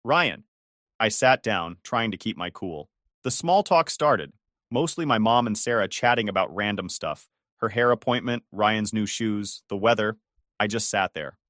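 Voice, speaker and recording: A man's voice: lowish voice, moderate pace, a bit bright, no echo, studio quality. A man narrating a first-person story in a bitter, confiding way.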